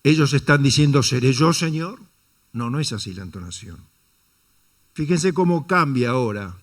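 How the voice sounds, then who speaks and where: Un predicador con acento da su sermón dominical con voz de tono medio. Lanza preguntas retóricas a la congregación y se dirige a ella como "hermano". Cambia la entonación para dramatizar las frases que cita. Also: male voice, medium pitch, expressive, normal speed. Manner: rhetorical questions, addresses the congregation as brother; dramatizes quotes with shifting intonation. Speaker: pastor. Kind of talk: sermon.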